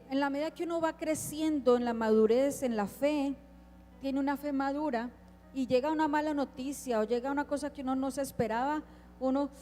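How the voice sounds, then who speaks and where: A woman's voice: high voice, warm tone. A woman preaching a sermon, emphatic and putting questions to her congregation.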